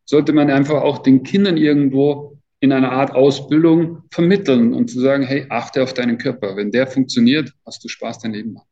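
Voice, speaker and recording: Speaking at normal speed with few pauses, this athletic trainer in his fifties has a warm, mid-range voice and fairly even intonation. During the interview he stays casual, colloquial, and emphatic, and the sound is dull and lo-fi.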